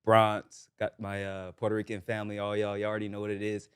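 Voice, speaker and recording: A man from Barbados, a reggae artist chatting as a guest in a relaxed, upbeat way. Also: on the low side, fast, clean tone, no room sound, studio quality. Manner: laid-back, upbeat, full of slang and "yes, sir". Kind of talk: casual interview chat.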